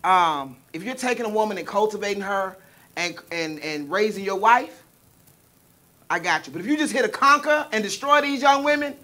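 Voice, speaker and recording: A woman's voice: mid-range voice, animated, normal speed, a bit bright. A woman from the American South with a Southern drawl, hosting a casual live chat in a blunt, emphatic, profane way. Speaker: talk show host.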